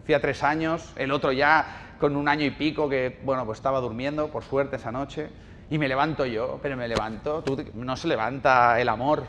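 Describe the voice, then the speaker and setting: In a large hall at a bookshop event, a man delivers a live talk, spinning stories with irony and putting questions to the crowd. His medium-pitched voice is steady, brisk, and fairly bright. There's slight background noise.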